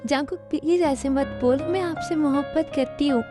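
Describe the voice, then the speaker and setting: Woman playing a tearful young lover, pleading, stammering, high voice, background music. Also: moderate pace, lightly acted. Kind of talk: Hindi fan dub.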